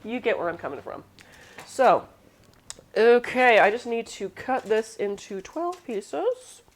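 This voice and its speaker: A woman's voice: on the high side, big pitch swings, normal speed. A woman hosting a casual live cooking demo, rambling and self-deprecating while snacking between steps. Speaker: cooking show host.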